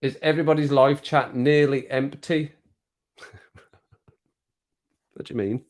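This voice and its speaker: Living alone, a man streams casually from home with a drink in hand, welcoming people in the chat and chuckling at his own jokes. His medium-pitched voice stays steady and measured.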